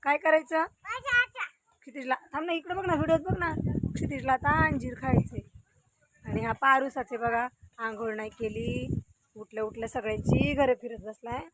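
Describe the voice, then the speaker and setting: A woman's voice: high voice, steady tone, moderate pace. A young woman vlogging outdoors on a farm, chatting straight to viewers as she walks with a handheld phone. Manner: chatty, talks straight to viewers while walking. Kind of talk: casual vlog walkthrough. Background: faint wind and outdoor noise.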